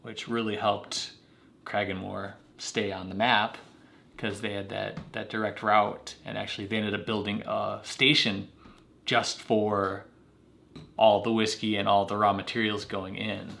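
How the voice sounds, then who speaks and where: Gravelly-voiced man hosting a whiskey tasting. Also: on the low side, little pitch movement, measured pace, fairly bright tone. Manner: explains history, dry jokes. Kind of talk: casual tasting chat.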